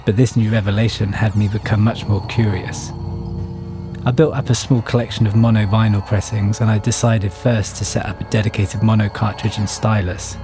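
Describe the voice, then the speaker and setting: Reading a scripted first-person account of his life, this man keeps his voice on the low side and his pitch mostly flat. His pace is moderate, and music runs underneath the narration.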